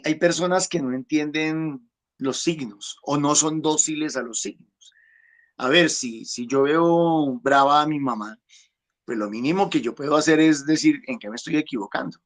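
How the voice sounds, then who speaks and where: A man giving a conversational, reflective homily, with frequent fillers and repeated words. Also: medium pitch. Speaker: preacher.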